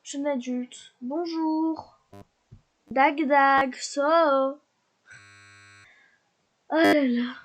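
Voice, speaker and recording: A woman casually commentating her life-simulation gameplay, chatty and excitable, talking to her characters, sniffly from a cold. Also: high voice. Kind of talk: casual let's-play commentary.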